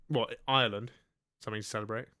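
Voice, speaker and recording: A man's voice: fairly low pitch, steady tone, fast, pushed and bright, no echo. A young man co-hosting a comedy radio-style podcast, reading news items and adding sarcastic jokes. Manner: joking, reads news items with sarcastic asides. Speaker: co-host. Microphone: studio microphone.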